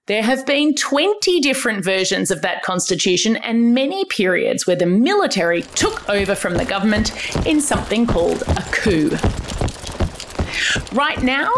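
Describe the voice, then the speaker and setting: Lively Australian woman hosting for kids. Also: on the high side. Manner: bright, upbeat storytelling. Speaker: kids' podcast host. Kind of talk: scripted educational narration for children.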